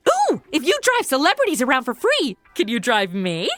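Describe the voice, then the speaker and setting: A woman's voice: sits high, wildly swooping pitch, moderate pace, fairly bright tone, no echo, faint music behind. A woman hosting and starring in a comedy audio drama, talking in a brash, pushy, wisecracking way. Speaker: host and lead comic actor.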